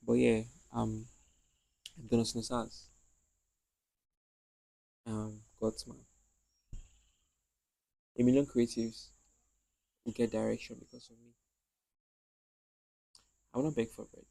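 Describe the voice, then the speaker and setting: A young man with a Nigerian accent rambling casually to his own camera, repeating himself and often trailing off quietly. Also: medium pitch, level tone, takes it slowly, gravelly, long pauses, low-quality recording. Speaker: content creator. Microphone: own handheld mic, noise reduction mode.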